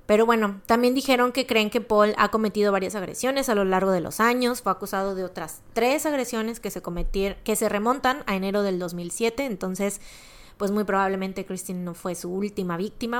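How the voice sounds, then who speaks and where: A woman podcast co-host with a Mexican accent chats casually about true crime, recounting a case with slang and plenty of asides. Her voice is medium-pitched and a little fast.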